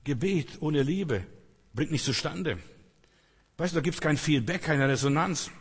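A man's voice: a little high, measured pace, slightly rough. A man preaching a sermon, earnest and coaxing, speaking directly to his listeners. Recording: long hall reverb.

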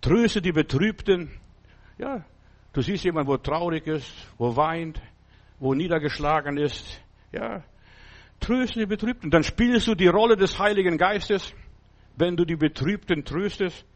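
A man's voice: a little high, measured pace. A man giving an informal, exhorting sermon, repeating his calls and often asking if you understand. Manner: exhorting, repetitive, keeps asking "verstehst du". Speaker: preacher.

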